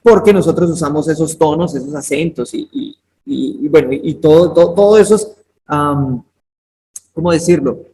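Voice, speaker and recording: Man with a high voice teaching a Bible class over a video call, chatty, calls on students by name. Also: moderate pace, dark tone, poor audio. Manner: conversational, questions students by name. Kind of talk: interactive online class lecture.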